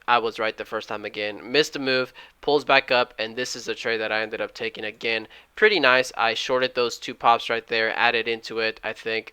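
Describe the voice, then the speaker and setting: Male trading vlogger, rapid loud self-correcting recap, dry close sound. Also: mid-range voice, clean tone, no echo. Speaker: day trading YouTuber. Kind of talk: screen-share trade recap. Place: at home, alone.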